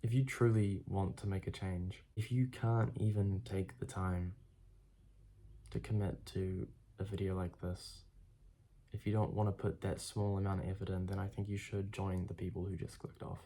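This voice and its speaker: A congested young man speaks straight to his viewers in a blunt, casual way, swearing as he goes. His low voice is gravelly with fry and sounds dark and mellow. He talks like a self-improvement vlogger giving a motivational pep talk. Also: little pitch movement, normal speed, slight background noise. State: congested from a cold. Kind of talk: direct-to-camera motivational talk.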